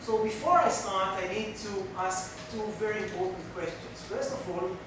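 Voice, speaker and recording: An Israeli man with an Israeli accent gives a workshop lecture in English in a large lecture room, speaking carefully and often restarting phrases. His voice sits high, at a moderate pace. The recording is very echoey and noisy, captured from a distant mic.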